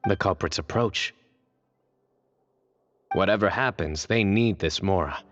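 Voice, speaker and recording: An actor playing a stern, perceptive young law-enforcement chief in a video game, speaking with commanding, deliberate authority. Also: male voice, deep voice, fairly bright tone, faint music behind. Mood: analytical. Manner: commanding, deliberate, accusatory, matter-of-fact. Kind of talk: video game character acting.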